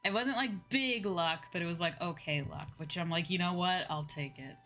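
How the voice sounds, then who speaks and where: A young woman VTuber chats casually with her livestream viewers, rambling hesitantly and often repeating her phrases. Her voice is lowish and fairly bright, at a moderate pace, with soft music in the background.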